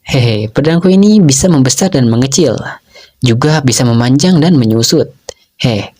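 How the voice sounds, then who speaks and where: A man's voice: mid-range voice, lively intonation, moderate pace, darkish tone, lightly acted. A man voicing a lazy, joking young nobleman who likes women, in a casual storytelling recap. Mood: teasing. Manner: teasing, exclaiming.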